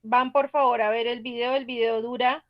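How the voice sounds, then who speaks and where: A woman's voice: a little high, steady tone, normal speed, lo-fi sound. A woman teaching an online English class, patiently explaining grammar rules step by step and asking the students questions.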